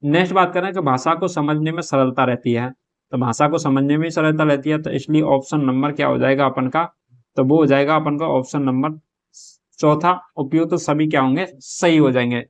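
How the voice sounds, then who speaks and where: A man works through a model paper like a classroom teacher. His voice sits a little high for a man. He poses a question to his students and then answers it himself. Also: fairly even intonation, moderate pace. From Rajasthan. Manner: explains step by step, asks and answers his own questions. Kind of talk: exam prep lesson, solving a model paper.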